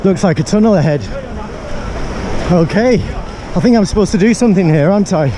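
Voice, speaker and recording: High-voiced British man vlogging while running. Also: expressive, fairly quick, a crowd in the background. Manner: talking while running, with effort; upbeat, jokey. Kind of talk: casual vlog commentary to camera. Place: outdoors on city marathon streets among crowds. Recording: outdoor street noise, loud music, cheering crowds.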